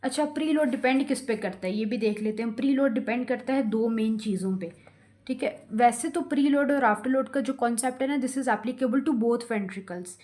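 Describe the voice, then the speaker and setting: Female medical lecturer, fairly high voice, explanatory, checks in often. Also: darkish tone. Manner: explanatory, frequent "theek hai" check-ins, slows for English terms. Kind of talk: explaining lecture, Hindi-English code-switching.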